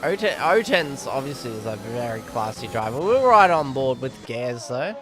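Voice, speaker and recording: A man's voice: medium pitch, very animated, moderate pace. A man giving casual, rambling live commentary on a sim race, often correcting himself.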